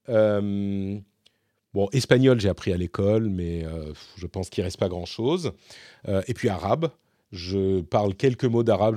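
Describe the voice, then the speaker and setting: A middle-aged man hosting a podcast, answering listener questions in a casual, hesitant way, often pausing and correcting himself. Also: lowish voice, mellow, no echo, studio quality. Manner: hesitant, thinks aloud, self-correcting. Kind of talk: casual Q&A monologue.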